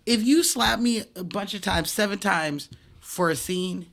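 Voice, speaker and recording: A woman co-hosts a casual podcast chat, brash and profane, often breaking into laughter. Her voice is bright and sits at a medium pitch. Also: measured pace, creaky. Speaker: podcast co-host.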